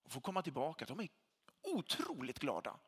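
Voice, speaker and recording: A man's voice: a little high, wildly swooping pitch, slightly rough. A man preaching a sermon as a pastor, speaking with emphasis and repeating key phrases for weight. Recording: long hall reverb.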